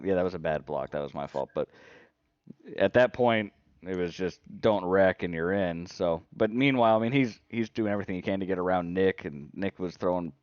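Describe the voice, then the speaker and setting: A low-voiced man explains a race in joking, casual podcast chat, swearing freely. The sound is dry and slightly dull. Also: smooth, dry recording. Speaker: co-host, spotter.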